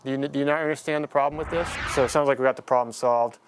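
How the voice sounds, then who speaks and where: A man's voice: medium pitch, steady tone, racing, background noise. A man working as a police officer, speaking firmly and matter-of-factly, then recapping to camera. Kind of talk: on-duty talk and recap to camera.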